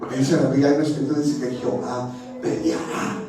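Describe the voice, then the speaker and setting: A man preaching a sermon as a church elder, swinging from soft, hushed lines to shouted ones. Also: mid-range voice, level tone, quick pace. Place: church sanctuary. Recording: echoey church hall from far off, music behind.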